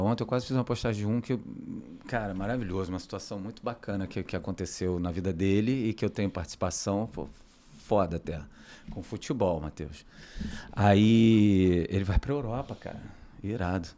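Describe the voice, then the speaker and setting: Slangy low-voiced Brazilian man host. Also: moderate pace, dark tone. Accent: Brazilian Portuguese. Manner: informal, slangy, rambling. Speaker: podcast host, nutritionist. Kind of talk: casual podcast conversation.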